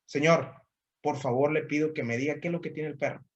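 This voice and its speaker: Guy doing a gentle young man, soft and polite, kinda pleading. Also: a little high, steady tone, brisk, dull audio, voice pushed down, lightly acted.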